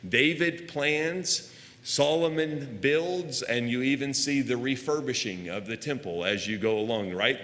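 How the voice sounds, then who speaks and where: A man's voice: medium pitch, a bit bright, big-room sound. A man with an American accent preaching a Sunday evening sermon in a church, teaching conversationally and putting questions to the congregation. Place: church auditorium.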